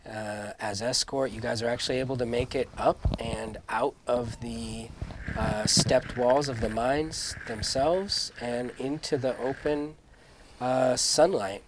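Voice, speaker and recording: A man narrating a tabletop game as game master, improvising in halting phrases as he searches for words. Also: mid-range voice, noisy background.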